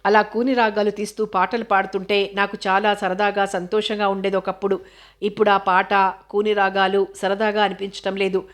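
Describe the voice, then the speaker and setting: Woman narrating in a flat, steady voice. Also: mid-range voice, normal speed. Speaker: audiobook narrator. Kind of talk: scripted narration.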